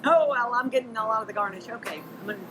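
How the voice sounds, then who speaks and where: A woman's voice: on the high side, very fast, background noise. A woman hosting a TV show, chatting on a cooking segment and exclaiming over the food. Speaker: TV show host. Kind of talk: casual chat on a cooking segment.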